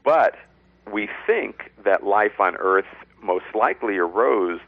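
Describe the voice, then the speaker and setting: Over a thin, phone-like line, a man with a low, creaky voice explains science as an interview guest. He is measured and lays things out plainly, one step at a time. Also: expressive, dry recording.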